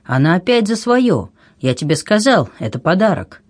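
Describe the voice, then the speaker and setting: A reader voicing a hot-tempered, jovial old king who exclaims loudly and excitably. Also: medium pitch, moderate pace, dry recording, clean studio sound. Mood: exasperated.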